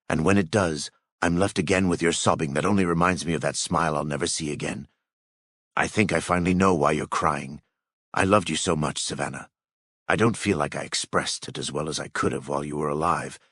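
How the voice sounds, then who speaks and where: A man's voice: a bass voice, fairly bright tone, no echo, studio quality. A man reading a fan fiction story aloud in the first person, with a somber, grieving delivery. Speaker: story narrator.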